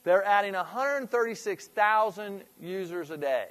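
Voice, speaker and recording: At a fitness club industry meeting, a man with a slightly high, expressive and fairly bright voice gives an informal business presentation at a moderate pace. He keeps it conversational, poses questions to the audience, and tends to trail off and start over.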